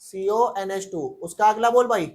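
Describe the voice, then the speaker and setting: A man's voice: sits high, normal speed, darkish tone. A male teacher giving a casual chemistry lecture, quizzing the class over and over and answering himself in a slangy, teasing way.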